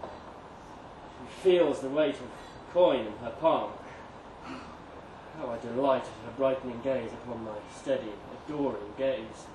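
Speaking in a mid-range voice and at a slow pace, a storyteller delivers a funny historical monologue live in a venue. His reading is dramatic and expressive, rising into emphatic swells and sinking into hushed drops. The sound is echoey and noisy, caught from a distant microphone.

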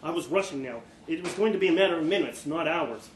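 At a live literary event indoors, a man reads a short story dramatically, his slightly high voice fast and expressive as he acts out the dialogue. The venue sounds echoey, with faint background noise.

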